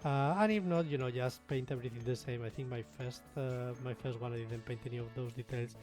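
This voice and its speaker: A man's voice: mid-range voice, a little fast, music in the background. Self-deprecating Spanish-accented man. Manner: self-deprecating, rambling with many fillers and restarts. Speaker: miniature painting hobbyist. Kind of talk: casual tutorial talk.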